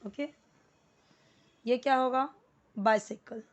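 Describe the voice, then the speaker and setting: A woman teaching English to beginners, patiently repeating each word slowly and breaking it into parts. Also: on the high side. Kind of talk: spoken English lesson for beginners.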